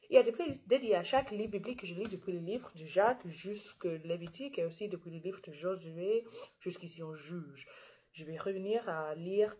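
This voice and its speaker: A young woman reading scripture aloud in French with an English-speaking learner's accent. She reads carefully, halting and correcting herself. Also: on the low side, a little mellow. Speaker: Bible reader and video creator.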